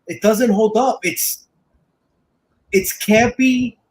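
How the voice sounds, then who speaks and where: A man in his thirties, co-hosting a podcast in casual chat, animated and often stumbling over and repeating his words. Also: sits high, slow pace, low-quality recording. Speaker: podcast co-host.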